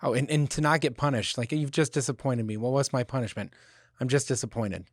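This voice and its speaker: A man's voice: medium pitch, fairly quick, dry recording, clean studio sound. A man in his forties hosting a podcast, who asks friendly questions and makes jokes. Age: 40s. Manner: jokey, affirming interviewer. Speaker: podcast host. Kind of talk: casual chat.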